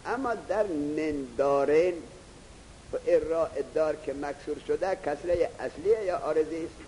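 A man's voice: a little high, darkish tone. Man lecturing in a hissy echoing room. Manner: reads Arabic text slowly, then explains it in Persian and quizzes students. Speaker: seminary teacher of Arabic grammar. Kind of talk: classroom lecture.

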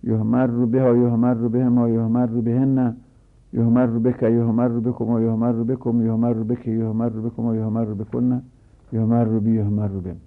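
A man teaching Arabic grammar, reciting verb conjugations in long rapid lists. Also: medium pitch, level tone. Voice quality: gravelly, husky. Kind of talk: conjugation drill lesson. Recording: tinny phone-like lo-fi audio.

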